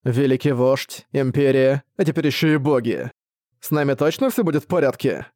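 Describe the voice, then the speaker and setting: Voicing a nervous orc follower, a man sounds worried in a mid-range, animated voice that's a little mellow and close to everyday speech. He talks at a normal speed, and the studio-quality recording has no room sound.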